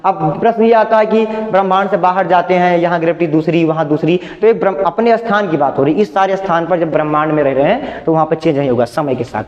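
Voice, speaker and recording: Male teacher, high pitch, classroom lecture with self-answered questions, long reverb in the room. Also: quick pace, few pauses, darkish tone. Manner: repetitive, asks questions and answers them himself. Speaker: chemistry teacher. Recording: echoey classroom, muffled sound.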